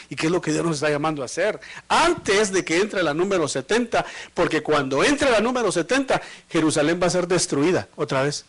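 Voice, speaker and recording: A man preaching a sermon as pastor. He speaks to the congregation with rhetorical questions and swings between loud emphatic lines and low, quiet ones. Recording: livestream of a live church service.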